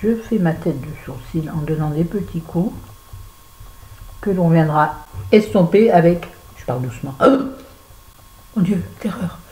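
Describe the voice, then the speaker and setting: Chatty French woman with a dark voice. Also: lowish voice, measured pace, pauses often, poor audio. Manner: chatty, talks to herself while working. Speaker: beauty vlogger. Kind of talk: casual make-up tutorial chat.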